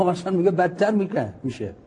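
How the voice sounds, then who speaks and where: A man preaching a sermon with impassioned, argumentative rhetoric, reciting Arabic quotations slowly and then translating them. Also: sits high, sing-song, dark tone.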